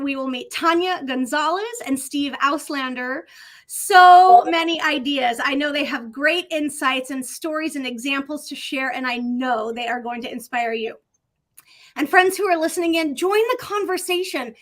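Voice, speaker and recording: A middle-aged woman hosts an upbeat online session from her home office, speaking effusively and enthusiastically over a video call. Her voice sits high and is a bit bright.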